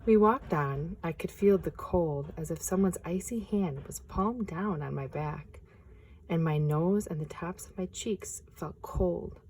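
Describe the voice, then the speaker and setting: Out in a forest, a storyteller from a nature preserve reads a picture book aloud in a hushed, expressive way. Her mellow, slightly low voice sometimes drops to a whisper, and her pace is a little slow. A faint hiss runs beneath her words on this poor-quality audio.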